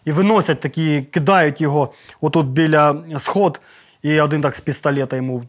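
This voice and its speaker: A man's voice: fairly high pitch, steady tone, fairly quick. A man telling a story to a podcast host in a casual, slangy way, acting out sounds and swearing now and then. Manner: vivid, slangy retelling with sound effects and swearing. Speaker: podcast guest.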